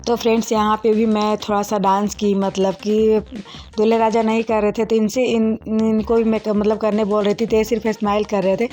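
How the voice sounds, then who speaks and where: Speaking at a moderate pace in a slightly mellow, medium-pitched voice with little pitch movement, a young woman narrates her own wedding video. She's chatty, addresses viewers as friends, and uses many fillers, with faint music behind her.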